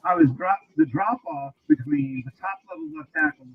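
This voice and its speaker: A man's voice: very animated, normal speed. Remote panelist, male, muffled and lo-fi on a bad call mic, faint hiss. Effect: muffled, bass-heavy sound from a bad mic. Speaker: mock draft panelist. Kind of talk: casual live-stream chat. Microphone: remote call microphone.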